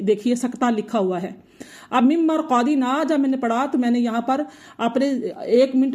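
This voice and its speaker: Female recitation teacher, higher-pitched, patient and repetitive delivery. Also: a little mellow. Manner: patient, repeats points slowly. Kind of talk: explanatory tajweed lesson.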